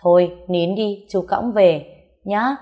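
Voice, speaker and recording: A woman voicing a kind young village man who gently coaxes a frightened little girl in a storybook reading. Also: mid-range voice, slow, muffled recording, lightly acted. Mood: gentle coaxing. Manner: gentle, coaxing questions.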